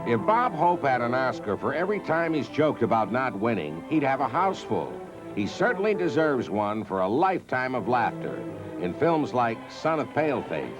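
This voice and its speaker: A man's voice: mid-range voice, very animated, moderate pace. A man narrating a TV documentary about film stars in a scripted, storytelling style. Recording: dull 1980s TV audio with music.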